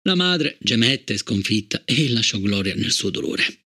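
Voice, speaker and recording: Un uomo che legge un audiolibro di racconti e dà voce a tutti i personaggi. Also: male voice, fairly low pitch, measured pace, pushed and bright, slightly rough. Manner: acts out every character. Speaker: audiobook narrator. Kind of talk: expressive audiobook reading.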